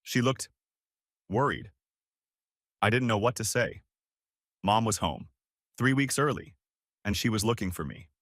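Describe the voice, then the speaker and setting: Brief: young male narrator, low voice, measured delivery, dry close recording. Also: a bit bright, dry recording. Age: young adult. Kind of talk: scripted first-person story narration.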